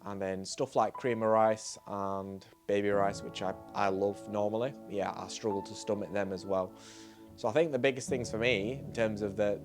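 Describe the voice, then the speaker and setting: Young bloke vlogging about bodybuilding, lowish voice, loose and chatty, music going in the background. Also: male voice, a little mellow. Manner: laid-back, chatty, many fillers and restarts. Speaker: bodybuilding vlogger and posing coach. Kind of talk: casual vlog talk.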